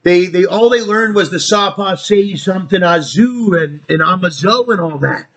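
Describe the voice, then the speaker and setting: Rambling high-voiced man. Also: normal speed, a bit bright. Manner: rambling, trails off and restarts, swears casually. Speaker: vlogger. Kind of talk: rambling casual monologue.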